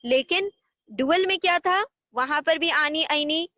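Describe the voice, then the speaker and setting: A woman's voice: sits high, a little slow, pushed and bright, no room sound, dull audio. A woman teaching an Arabic grammar lesson online, patiently drilling word endings and explaining them step by step.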